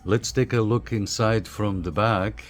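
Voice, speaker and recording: Soft background music plays behind a man with a lowish, steady voice who speaks a little slowly. He is a hobbyist giving a casual hands-on review, hesitating, repeating phrases and thinking aloud as he works, with background noise clearly audible.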